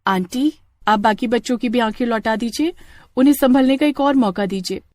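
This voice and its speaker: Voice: mid-range voice, moderate pace, darkish tone, no echo, pitched above the performer's own voice, lightly acted. A narrator voicing a kind, brave village girl pleading earnestly in a cartoon story.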